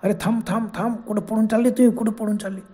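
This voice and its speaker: A man's voice: sits high, steady tone, fast talker, mellow, natural voice. A man voicing a ghostly woman who lures travellers with eerie, insistent pleas. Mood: wailing. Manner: coaxing, wailing pleas.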